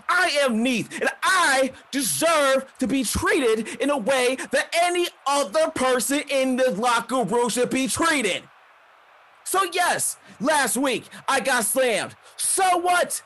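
A man voicing a proud, furious woman wrestler who calls herself a warrior goddess, shouting indignantly. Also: on the high side, extremely slow.

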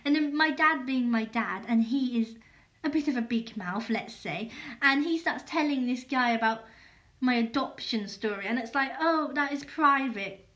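A woman's voice: on the high side, moderate pace, a bit bright. Candid woman hosting a podcast. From England. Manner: candid, hesitant, lots of fillers and restarts. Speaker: podcast host. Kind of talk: personal podcast monologue.

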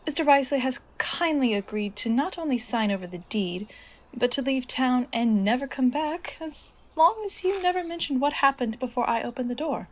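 A woman's voice: high-pitched, lively intonation, normal speed. A woman playing a seductive devil disguised as a woman in a horror audio drama, knowing, persuasive and coolly in control. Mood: coaxing.

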